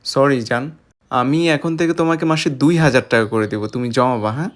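A man's voice: mid-range voice, quick pace, lightly acted. A man playing a suspicious young husband who wonders who takes his money and confronts his wife. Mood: apologetic. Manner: musing to himself, then confronting. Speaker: husband in comedy skit. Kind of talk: comic skit acting.

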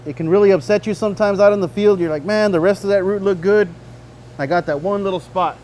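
A man in his thirties giving a relaxed, folksy welding demonstration in a shop, talking the viewer through each step. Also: high voice, fast, slight background noise. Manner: relaxed, folksy, frequent "you know". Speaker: welding instructor. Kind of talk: casual demonstration tutorial. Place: large welding shop indoors.

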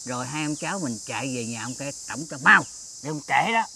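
An actor with a Southern Vietnamese accent playing a kindly old man who gently coaxes a lost little boy. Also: expressive, fairly quick, noisy background, natural voice. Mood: coaxing. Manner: gentle, coaxing, low and soft. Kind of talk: TV fairy-tale drama acting.

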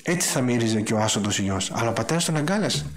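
A man delivering a sermon in a mid-range voice. He tells stories and acts out the characters' lines, lifting his voice for their speeches. The delivery is lively and expressive. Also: medium pitch, a little hiss or hum. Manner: animated storytelling, acting out dialogue in a raised voice. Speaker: preacher.

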